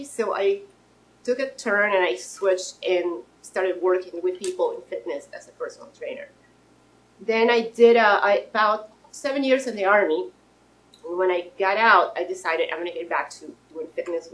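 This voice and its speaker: A Russian woman in her thirties gives a friendly, informal pitch presentation of her fitness business to a live audience, restarting sentences and using fillers. Her voice is mid-range, and the poor audio carries a little hiss or hum.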